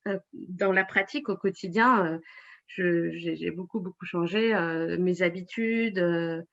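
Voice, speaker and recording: A woman's voice: on the low side, measured pace, gravelly, a bit bright. Woman in her 40s chatting in an interview, stops and restarts a lot, dull muffled audio. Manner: hesitant, many fillers and restarts. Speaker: interview guest, web writer and blogger. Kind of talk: casual interview.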